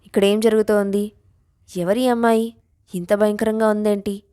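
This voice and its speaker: A woman puts on a gruff, suspicious father in a storybook tale, snapping his questions out in short bursts. The sound is dry and close. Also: mid-range voice, little pitch movement, normal speed, dark tone, no room sound, close to an everyday voice. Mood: irritated. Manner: irritated, brusque. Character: irritable suspicious middle-aged father.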